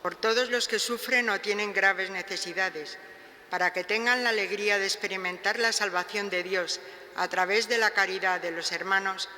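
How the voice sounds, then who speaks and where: High, bright man with cathedral echo. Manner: measured, even recitation ending each petition with a set refrain. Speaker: lector reading the prayers of the faithful. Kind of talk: liturgical reading at Mass. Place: church during Mass. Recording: reverberant church hall, faint background noise.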